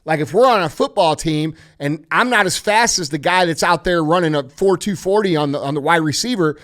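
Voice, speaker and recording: A man's voice: on the high side, fairly quick, fairly bright tone. A man hosting a podcast, giving blunt, emphatic motivational advice with heavy swearing. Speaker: podcast host.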